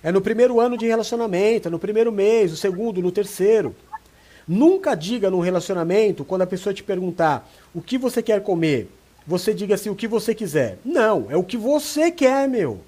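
A man's voice: sits high, a little fast. A man, a pastor, giving relationship advice in a casual chat and acting out the people he quotes. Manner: animated, acts out quoted voices. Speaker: pastor and co-host.

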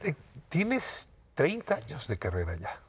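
A man's voice: a little high, huge pitch swings, unhurried, slight background noise. A man hosting a show, asking curious, probing questions. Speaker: radio show host. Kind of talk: interview conversation.

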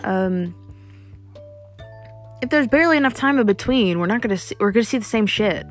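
A woman's voice: medium pitch, lively intonation, a little fast, soft background music. A young woman hosting a casual solo podcast, rambling with lots of fillers and casual swearing. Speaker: podcast host.

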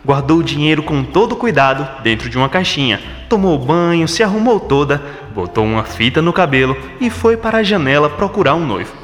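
A man narrating a scripted children's story in an expressive, theatrical way. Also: a little high, a little fast, hardly any pauses. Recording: echoey, long reverb, music behind.

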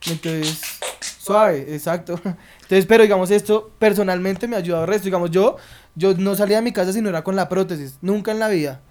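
A young comedian in his twenties with a high voice, chatting in a relaxed, slangy way. He mocks himself easily. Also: fairly quick. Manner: relaxed, slangy, self-mocking. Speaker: comedian, co-host. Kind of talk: casual chat.

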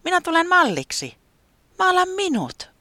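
A storyteller voicing an eager, boastful weather creature in a children's storybook, squeaky and loud. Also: no echo. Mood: excited. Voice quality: squeaky, shouty and excited. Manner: pushy and boastful. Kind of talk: storybook character voice.

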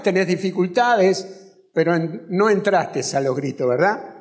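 A man with an Argentine accent preaching a fervent sermon in a chapel, with a repetitive preaching cadence. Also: a little high. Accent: Argentine Spanish.

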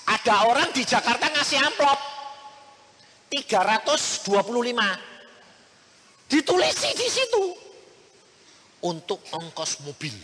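Man, preacher, storytelling sermon, bright voice, long reverb, faint background noise. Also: fairly high pitch. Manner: animated, voices the people in his story, addresses the listeners directly.

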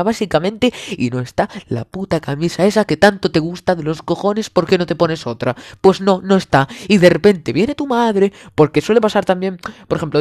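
A man's voice: on the high side, darkish tone, no echo, clean studio sound. A young man with a Spanish accent from Spain, delivering a sarcastic comedic monologue full of exaggeration and swearing.

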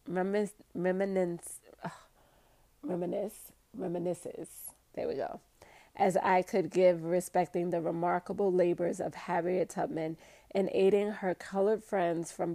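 A woman reads a history book aloud at an unhurried pace, stopping for eager, casual comments to her listeners. Her voice sits low and mellow and now and then trips over a hard word. The sound is close and dry. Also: dry recording. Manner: excitable, chatty, stumbles over hard words. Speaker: podcast host reading a history book aloud. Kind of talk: reading aloud with casual asides.

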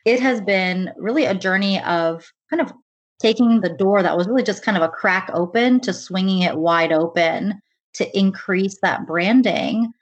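An American woman with a mid-range voice talks in a conversational interview about leading diversity and inclusion work. She comes across as earnest and measured, frequently saying "really" and "kind of."

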